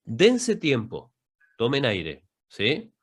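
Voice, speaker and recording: Man, speaking coach, animated intonation, demonstrates vocal exercises, video call. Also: mid-range voice, very slow. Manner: instructive, demonstrates breathing and sung vowels. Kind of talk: online masterclass with vocal demonstrations.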